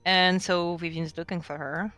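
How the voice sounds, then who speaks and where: A woman's voice: lowish voice, steady tone, moderate pace, bright, forceful tone, faint music behind. A woman narrating a tabletop role-playing game as game master, in a chatty and hesitant way with many fillers.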